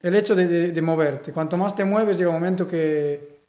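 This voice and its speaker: A man's voice: sits high, moderate pace, roomy sound. A young Galician man with a Galician Spanish accent, giving a casual interview and rambling with lots of fillers. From Galicia, Spain. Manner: relaxed, rambling, many fillers. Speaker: interviewee, sculptor.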